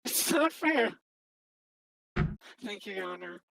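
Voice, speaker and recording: Voice-changer defendant, gravelly and defensive, mid-pitched, roleplay court testimony. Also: lively intonation, takes it slowly, a bit bright, a little hiss or hum. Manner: defensive, self-justifying. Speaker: defendant in a mock court trial. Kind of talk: testifying in a game-server roleplay trial.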